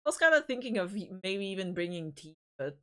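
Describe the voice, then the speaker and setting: A woman's voice: mid-range voice, very animated, quick pace. A woman hosting a livestream, chatting casually with viewers in a giggly, rambling way, often restarting her sentences. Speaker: livestream host.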